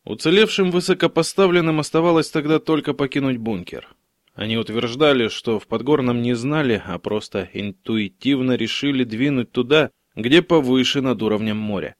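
A man's voice: medium pitch, moderate pace, no room sound. Male audiobook narrator, dry close voice.

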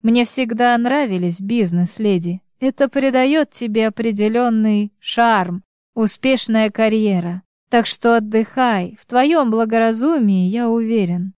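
In an audiobook, a self-assured husband speaks slowly and mocks his wife with dry humor, as a woman reads him. The voice stays smooth and close, with no room echo. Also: fairly high pitch, a little mellow, lightly acted. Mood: mocking. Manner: dry, teasing, unhurried. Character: calm, mocking husband on the phone. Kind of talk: audiobook reading.

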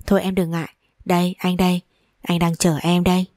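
A playful young boyfriend from a spoken audio story, teasing and coaxing in a low, mellow voice, as a woman narrator reads his lines. He sounds dry and close, with little room sound. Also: level tone, a little fast, no echo, natural voice.

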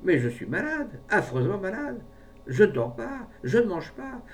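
A man's voice: sing-song, normal speed, far from the mic, a little hiss or hum. Man doing a fretful, sickly old bachelor. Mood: plaintive. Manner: fretful, plaintive, high-pitched complaints.

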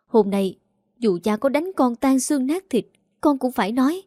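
A woman voicing a headstrong, outspoken young daughter who talks quickly and heatedly. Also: high-pitched, animated, dark tone, dry recording, clean studio sound, voice pushed up. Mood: heated defiant.

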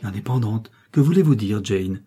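A man's voice: lowish voice, lively intonation, normal speed, mellow, husky. A man voicing a blind, brooding older man who speaks with earnest, emphatic passion. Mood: moved.

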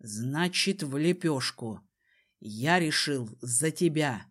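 A woman voicing a powerful man who threatens calmly and mockingly, in a slow, dropped voice. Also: deep voice, slightly rough, voice pushed down, heavily acted. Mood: menacing. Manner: slow, calm, mocking menace.

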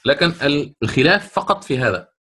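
A man teaching a lesson on Quran recitation rules, asking and answering his own questions and drawing out the recited words slowly. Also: mid-range voice, big pitch swings, bright, forceful tone, breathy edge. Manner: stretches recited words drawn out.

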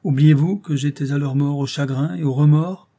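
A man's voice: fairly high pitch, fairly even intonation, normal speed, warm tone. A man voicing a giant monstrous male creature who speaks in an impassioned, reproachful lament, in an audiobook reading. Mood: bitter.

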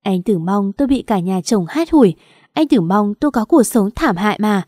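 A distraught young mother cries out and begs in a raised, loud voice, as a woman narrator puts her on. The tone is mellow and warm, recorded close and dry. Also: medium pitch, animated, fairly quick, no room sound, lightly acted. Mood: anguished. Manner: sobbing, desperate pleading.

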